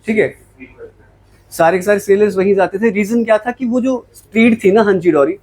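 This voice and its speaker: A man from Jammu, India, lectures a class on English words, blending Hindi into his English and asking questions only to answer them himself. His high, darkish voice moves fairly quickly on a low-quality recording.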